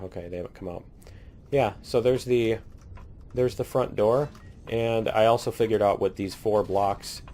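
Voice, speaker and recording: A man chatting casually as he tours his base in a building game, rambling and laughing, a little hoarse and clearing his throat now and then. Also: low voice, darkish tone, slight background noise. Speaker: let's play host. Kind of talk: casual gameplay commentary.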